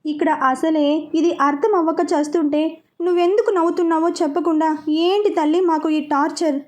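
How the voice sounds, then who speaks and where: A touchy young office worker who is quick to take offense, voiced by a woman reading a storybook aloud. He talks in a defensive, irritated way, in a high and light voice. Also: steady tone, a little mellow.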